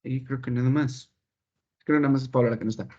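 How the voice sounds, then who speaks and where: A man's voice: mid-range voice, fairly even intonation, quick pace, dark tone. A male English teacher leads an online class. He is patient and keeps checking that everyone understands. His voice sits mid-range and comes through a slightly dull, lo-fi call line. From Mexico. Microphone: video call.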